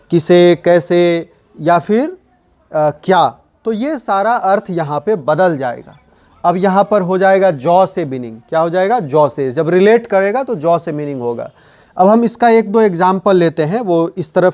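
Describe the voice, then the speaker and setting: Man, grammar teacher, slow and deliberate, slightly high voice, quizzes himself aloud. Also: a little mellow. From India. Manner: slow explaining, repeats key words, asks and answers his own questions. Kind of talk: classroom lesson.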